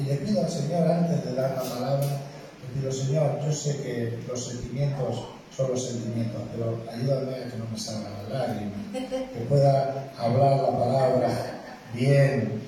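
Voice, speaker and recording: Pastor, male, mellow dark tone, heartfelt conversational sermon, recorded far off in a reverberant church. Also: mid-range voice, slight background noise. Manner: conversational preaching with frequent tag questions; emotional, tearful. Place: church hall.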